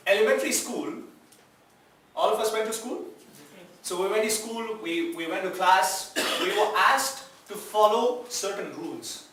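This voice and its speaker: A male guest professor with a high-pitched, slightly bright voice lectures students at a measured pace, asking them questions and repeating his key words. He's recorded in a large echoey hall from a distant mic, with faint noise.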